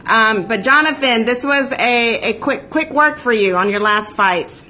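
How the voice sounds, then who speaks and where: Bright-voiced woman hosting a live interview. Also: a little high, a little slow, slight background noise. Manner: chatty, upbeat, with filler ums. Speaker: host. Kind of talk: casual interview on a live stream.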